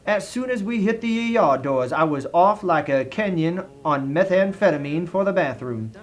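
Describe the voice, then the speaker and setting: A man's voice: sits high, expressive, moderate pace. A man with a Southern US accent reads a comic written review as a dramatic story, in a theatrical, genteel manner.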